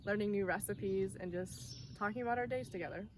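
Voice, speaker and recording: Measured young woman, distant mic. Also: mid-range voice. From Denver, North Carolina. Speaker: service corps member. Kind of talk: personal reflection to camera. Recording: distant mic, noisy background.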